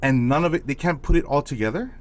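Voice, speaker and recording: This podcast co-host from Hawaii, with his Hawaiian accent, gets heated and passionate, curses without restraint, and keeps tossing in "you know what I mean." He talks fast, with a fairly high pitch.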